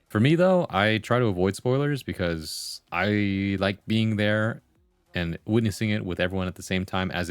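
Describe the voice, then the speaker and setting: A low-voiced livestream host chats casually with viewers, reading their comments aloud and then answering them conversationally. His talk is slangy, peppered with "like" and "bro." The recording is close and dry, with no echo.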